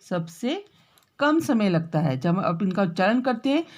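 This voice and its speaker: A woman teacher giving a grammar lesson, dictating notes slowly and repeating words as she writes, with frequent checking tags to her pupils. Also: mid-range voice, big pitch swings, darkish tone. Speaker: school teacher. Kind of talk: classroom grammar lesson while writing.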